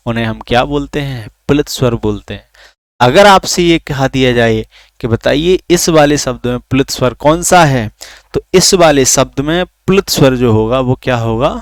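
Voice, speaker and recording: एक आदमी, जो रिकॉर्ड की गई ऑनलाइन क्लास पढ़ाता है, खुद सवाल पूछकर खुद जवाब देता है और स्वरों को खींचकर बोलता है।. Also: male voice, mid-range voice, smooth, no room sound, studio quality. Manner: asks questions then answers them himself; drags out vowels to demonstrate. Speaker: teacher. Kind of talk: recorded online lesson.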